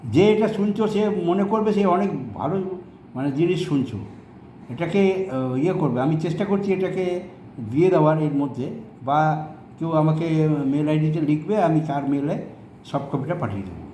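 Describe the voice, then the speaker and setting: A man teaching English vocabulary in a relaxed, unhurried way. He pauses on fillers and often checks whether his students are following. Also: fairly high pitch, echoey room, slight background noise. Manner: explains slowly, with many fillers and checks with the listener. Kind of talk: vocabulary lesson.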